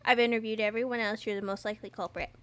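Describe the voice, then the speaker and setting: A woman's voice: on the high side, flat delivery, very fast, a bit bright. A woman hosting a gaming video, giving playful commentary as she plays and answering the characters.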